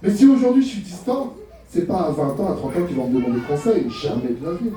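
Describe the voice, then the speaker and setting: A man's voice: high voice, sing-song, fast talker, warm tone. Middle-aged man, pastor, sermon, humorous rhetorical questions, heavy church-hall echo, distant from mic. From France. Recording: very echoey hall, voice from far off.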